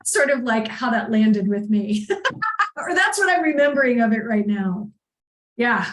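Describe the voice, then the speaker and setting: A woman coach as a podcast guest, telling personal stories in a chatty, animated way and laughing often. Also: fairly high pitch, a little slow. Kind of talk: casual conversation, personal storytelling. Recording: echoey room.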